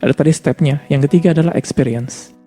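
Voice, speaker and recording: A man's voice: a little high, fast talker, dark tone, faint music behind. A man preaching a conversational sermon with personal testimony, mixing in English words.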